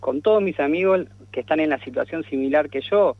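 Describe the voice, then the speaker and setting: A man's voice: fairly high pitch, brisk, dry recording. A man, a guest in a radio interview who talks with many restarts and fillers. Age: 40s. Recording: dull lo-fi radio sound.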